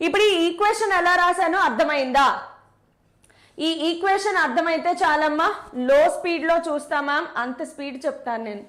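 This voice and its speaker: A woman's voice: extremely high pitch, fairly bright tone. A woman teaching a physics class live online, explaining step by step, repeating key points and answering chat comments. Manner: brisk, repeats key steps, mixes English terms into Telugu.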